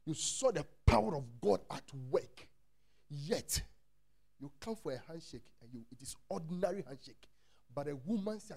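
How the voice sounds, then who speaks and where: A man's voice: a little high, vocal fry, darkish tone, husky. A man preaching a sermon in a church, emphatic, repeating words and firing off rhetorical questions. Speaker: pastor.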